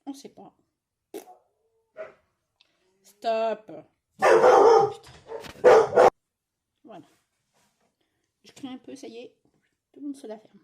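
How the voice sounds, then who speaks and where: A woman's voice: high voice, quick pace, gravelly, warm tone, slightly rough. A middle-aged woman from France chatting casually while she stitches, grumbling and rambling with many fillers and asides, recorded at home. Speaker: cross-stitch vlogger.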